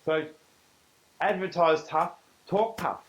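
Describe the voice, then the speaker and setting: A man's voice: on the high side, takes it slowly, lo-fi sound. A middle-aged Australian man presents a business seminar to a live audience. He talks in an easy, conversational way and leans hard on key points. He often acts out little bits of dialogue in the same voice.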